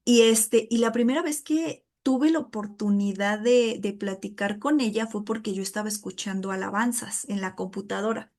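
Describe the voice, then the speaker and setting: A middle-aged woman teaching a Bible study in a conversational way, often calling listeners "brother" and filling pauses. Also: medium pitch, a little mellow. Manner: chatty, addresses listeners as "hermano", many fillers like "este".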